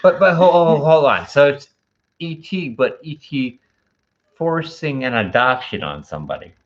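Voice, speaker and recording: A man's voice: medium pitch, sing-song, measured pace, muffled recording. A man co-hosting a casual movie review, tipsy and rambling, given to wild overstatement.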